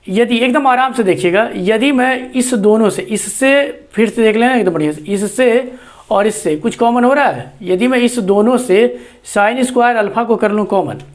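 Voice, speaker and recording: A man's voice: high-pitched, moderate pace. A man teaching math, explaining a proof step by step. He talks patiently and keeps checking with the students as he goes. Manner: patient, repeats checks like "see" and "okay".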